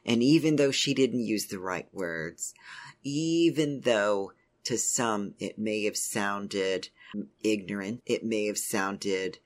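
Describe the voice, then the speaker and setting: A middle-aged woman hosting a podcast, telling a personal story in a measured, earnest way. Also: very deep voice. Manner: measured, earnest, speaks in drawn-out phrases. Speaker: podcast host.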